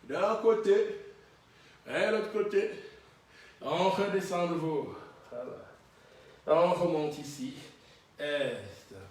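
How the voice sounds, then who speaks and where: Man, Pilates instructor, counts down reps, fairly high voice, very echoey room. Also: slow, pauses often, far from the mic. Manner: counts down reps, calm encouraging cues. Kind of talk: guiding a fitness class. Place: fitness studio, indoors. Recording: very echoey gym room from afar.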